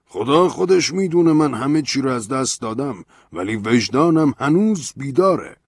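A man's voice: medium pitch, animated, breathy edge, no room sound, studio quality, voice pushed up. A man voicing a proud, embittered, grieving man who speaks in a bitter, defiant tone.

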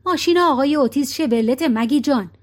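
A woman's voice: sits high, close to an everyday voice. A woman voicing an exasperated husband. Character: exasperated middle-aged husband, practical and impatient.

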